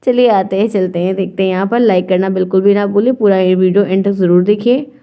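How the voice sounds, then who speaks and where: Tired-voiced woman teaching slowly. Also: mid-range voice, steady tone, clean tone, highs cut off. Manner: slow, patient explaining with frequent check-ins. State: tired, strained throat. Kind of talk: exam-prep lesson.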